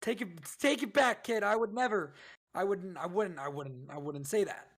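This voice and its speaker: Guy doing a stammery flustered wizard kid, keeps repeating himself, voice jumps up high. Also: moderate pace. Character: flustered young male wizard caught lying.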